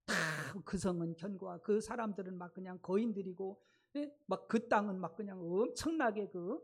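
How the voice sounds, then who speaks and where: A man's voice: sits high, moderate pace, a little mellow. A man preaching a sermon as a pastor in a church, retelling stories in a colloquial way and asking the congregation rhetorical questions. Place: church sanctuary.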